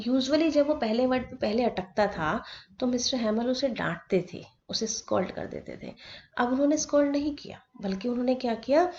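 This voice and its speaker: A woman's voice: fairly high pitch, a little mellow. Woman teacher, dull lo-fi sound. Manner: reads English lines slowly, then explains them at length in mixed Hindi. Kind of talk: explaining a textbook chapter to students. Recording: dull lo-fi recording.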